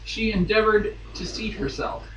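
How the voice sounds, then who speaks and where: As a guest on a podcast, this man gives a romance novel a theatrical, dramatic reading, interrupted by amused asides. His voice sits high, fairly bright, with lively intonation and a moderate pace. A distant mic captures a roomy space with faint noise.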